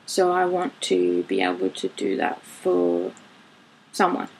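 A woman's voice: fairly low pitch, big pitch swings, slow pace, gravelly, darkish tone, slight background noise, low-quality recording. A woman in her late twenties hosting her own podcast, talking candidly in a rambling way, laughing and swearing now and then. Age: 20s. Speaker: podcast host. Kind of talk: casual solo monologue.

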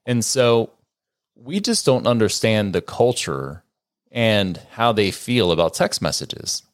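A man in his forties, co-hosting a parenting podcast in a relaxed, conversational way with joking asides. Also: fairly low pitch, slow pace, no echo, clean studio sound. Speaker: podcast co-host and co-parenting educator. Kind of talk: casual podcast chat.

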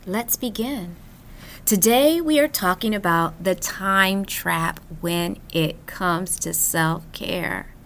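A woman hosting a wellness podcast, guiding gently in a soft, soothing, measured voice. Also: on the low side, slight background noise. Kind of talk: guided breathing and gentle self-care podcast narration. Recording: new-age music behind the voice.

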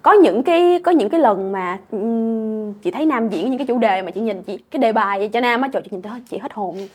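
A young woman with a southern Vietnamese accent chats casually as a guest, a stand-up comedian who talks fast and emphatically, repeating words as she explains. Her voice is fairly high, husky and lively in intonation.

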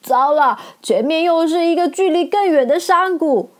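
A woman voicing a clever, calm male scarecrow who speaks briskly and eagerly in a storybook reading. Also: fairly high pitch.

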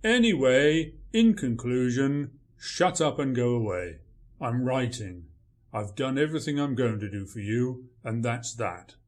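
A man's voice: medium pitch, lively intonation, a little slow, natural voice. A man playing a grumpy male writer, dry, sarcastic and dismissive in a radio play. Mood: sardonic.

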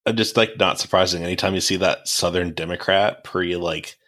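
A man with a low voice co-hosts a casual history podcast. He is laid-back and sometimes reads quotes aloud. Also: fairly even intonation, fairly quick, fairly bright tone. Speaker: podcast co-host.

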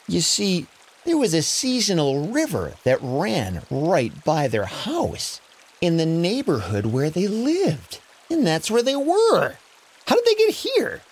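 A man narrating an adventure story for children in an expressive, dramatic way. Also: fairly high pitch, slow pace, slightly rough.

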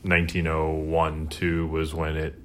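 A man's voice: extremely low pitch, monotone, measured pace, a bit bright. A man co-hosting a podcast in casual chat, hesitant and full of fillers, laughing now and then. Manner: hesitant, many fillers, laughs while talking. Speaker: podcast co-host.

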